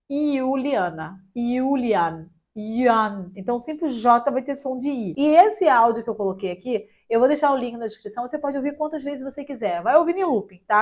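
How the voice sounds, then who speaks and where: Chatty Brazilian woman teaching German. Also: a little high. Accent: Brazilian Portuguese. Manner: chatty, spells letters out slowly, jokes lightly. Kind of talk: casual online language lesson.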